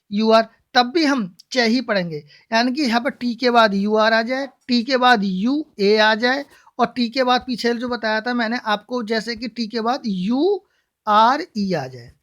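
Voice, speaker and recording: A woman, her voice sitting a little high, teaching English pronunciation to a class. She keeps asking the class a question and then answering it herself. She spells each word out letter by letter as she goes. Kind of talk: classroom-style lesson.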